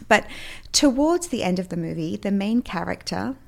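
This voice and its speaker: An upbeat woman hosts her solo self-help podcast and laughs often as she talks. Her pitch sits in an ordinary middle range. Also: lively intonation, normal speed, gravelly. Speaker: podcast host.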